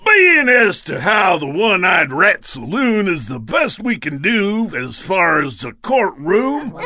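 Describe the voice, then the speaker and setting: A man voicing a blustering Old West saloon judge with an exaggerated frontier drawl, loud and bossy. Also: sits high, heavily acted. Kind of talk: cartoon voice acting.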